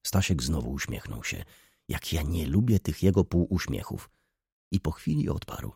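Deep, gravelly male audiobook narrator. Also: no echo, clean studio sound. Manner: measured, expressive reading. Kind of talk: audiobook narration of a classic novel.

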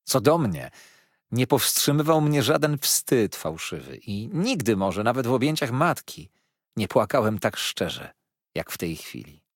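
A man narrating a classic novel in the first person with dramatic swells and pauses. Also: mid-range voice, sing-song, no echo, clean studio sound. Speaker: audiobook narrator. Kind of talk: expressive literary audiobook narration.

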